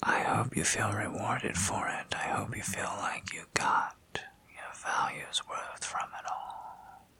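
A woman whispering close and intimately, her voice husky and full of breath. Under the whisper there is a gravelly, crackling texture, with a bright, sharp edge at the front of it. She teases and gives commands, urging her listener on over and over. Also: rumbling low, slow pace. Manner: teasing, commanding, repetitive urging. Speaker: audio roleplay performer. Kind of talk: whispered intimate audio roleplay.

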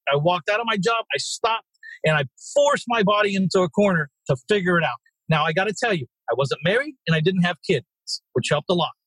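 A man's voice: high voice, sing-song, a little fast, fairly bright tone, no room sound, low-quality recording. A middle-aged man, a guest on a real estate podcast, telling stories bluntly with some salty language. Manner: blunt and salty, with mild swearing. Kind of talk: casual interview storytelling.

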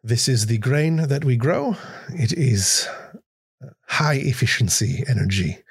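A man's voice: medium pitch, very animated, slow pace, gravelly, slightly rough, full character voice. A man voicing a stern, humorless male alien guide in a tabletop game. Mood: matter-of-fact.

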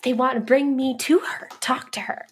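A woman's voice: high-pitched, fairly even intonation, moderate pace, slightly rough. A woman voicing an eager, naive young adventurer who rambles hesitantly with lots of fillers.

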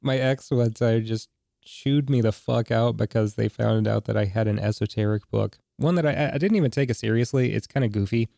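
Gravelly, mellow-voiced man, speaking hesitantly. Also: fairly low pitch, no room sound, studio quality. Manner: hesitant, halting, with frequent restarts. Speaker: podcast co-host. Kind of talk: casual chat.

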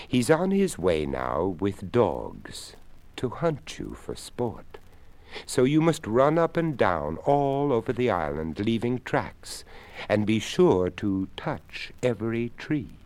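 A man plays an old skeleton with impeccable manners, courteous and unhurried. The voice sits very low and unhurried, yet its pitch rises and falls widely. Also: huge pitch swings, vocal fry, darkish tone, no echo, heavily acted. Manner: formal, courteous, slow.

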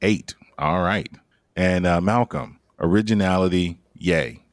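A man's voice: low-pitched, measured pace, dry recording. A man hosting a casual podcast discussion, calling on each panelist in turn and laughing easily. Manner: laughs easily, steady moderating. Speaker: podcast host.

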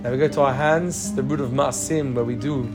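A man guides a relaxation meditation in a calm, soothing manner. His voice sits at a medium pitch. Plucked guitar music is clearly heard behind his instructions. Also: fairly quick. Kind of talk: guided meditation and body scan.

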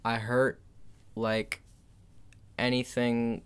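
A man's voice: medium pitch, monotone, very slow, clean tone. A young man co-hosting a comedy podcast, joking in a mock-serious, rambling way. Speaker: podcast co-host. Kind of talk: casual comedy chat.

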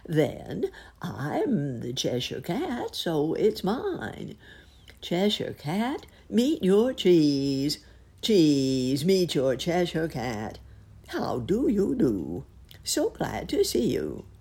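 Grinning smug cat, lady putting it on, playful n friendly, stretches words out slow, croaky husky storybook voice. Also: deep voice, wildly swooping pitch, mellow, exaggerated voice. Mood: sly, pleased. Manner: drawn-out, deliberate, playful delivery. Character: smiling, smug, friendly male Cheshire cat.

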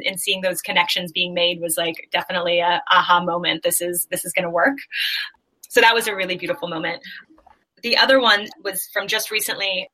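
A woman with a bright, clear voice talks through her experiences in an interview. She tells earnest stories and often restarts her sentences as she goes. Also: mid-range voice, poor audio. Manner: earnest storytelling with frequent restarts. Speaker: director of a surgical aid organization. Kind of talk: conversational interview answers.

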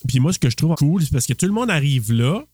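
Animated Québécois man telling stories. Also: fairly high pitch, fast talker, dry recording, clean studio sound. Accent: Québécois French. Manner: animated storyteller, acts out scenes. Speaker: podcast co-host. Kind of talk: casual chat.

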